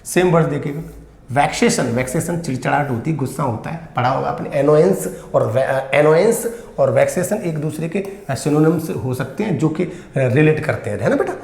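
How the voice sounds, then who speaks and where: A man's voice: a little high, animated, normal speed, creaky, a little mellow. A male English teacher, giving an exam vocabulary lesson and quizzing his students, calling them "beta" and repeating each word. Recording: echoey room.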